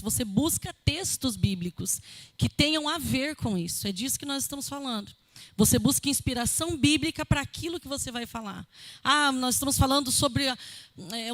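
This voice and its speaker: A woman teaching a church worship workshop, lively and often checking in with the audience. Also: on the high side, no echo. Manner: lively, addresses the audience with frequent "amém?". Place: church event hall.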